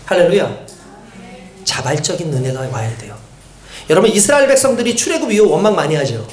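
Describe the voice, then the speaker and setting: Brief: male pastor, lively sermon delivery, echoey church hall. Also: on the high side, quick pace. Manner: animated, storytelling, asks the congregation.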